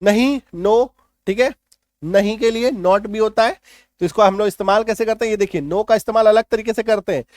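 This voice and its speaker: Man teaching English words, higher voice. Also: fairly quick, a little mellow, dry recording, studio quality. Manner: patient explaining, repeats checks like "clear?". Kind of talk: Hindi-language English vocabulary lesson.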